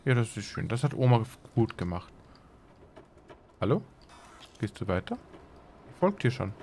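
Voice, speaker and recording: A man's voice: fairly low pitch, very animated, normal speed, a little mellow, a little hiss or hum. A man giving casual let's play commentary and joking asides while playing a video game. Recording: game music playing behind.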